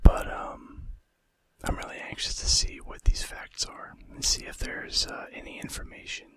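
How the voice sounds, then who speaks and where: Speaking at a moderate pace, a man whispers breathily and softly into a nearby microphone like an ASMR host, reading facts aloud with casual, hesitant asides.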